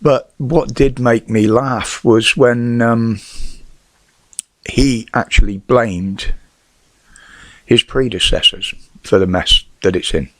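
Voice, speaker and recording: A man's voice: medium pitch, steady tone, slow, long pauses, fairly bright tone, no echo. A middle-aged British man with a whistle on his s sounds from false teeth, giving blunt, sweary, casual opinions on the news. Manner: blunt, sweary, rhetorical questions.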